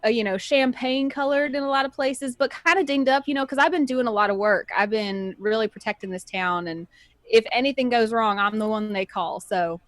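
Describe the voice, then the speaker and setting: A woman at a tabletop game table describes her character. Her talk is chirpy and rambling and thick with fillers. Her voice is slightly high, and the sound is dry and close. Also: fairly quick, no room sound. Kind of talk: casual role-play character description.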